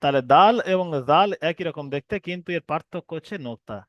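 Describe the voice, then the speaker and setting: A man teaching an online reading class, who explains patiently and drags out each letter name slowly. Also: a little high, lively intonation, no room sound, muffled recording. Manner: explains patiently, repeats letter names slowly with long drawn sounds. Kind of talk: recorded online class lesson.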